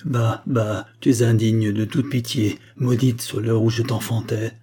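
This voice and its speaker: A man's voice: medium pitch, flat delivery, measured pace, warm tone, husky. A man voicing a harsh, condemning noble mother in a novel reading. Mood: scornful. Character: scornful angry noble mother.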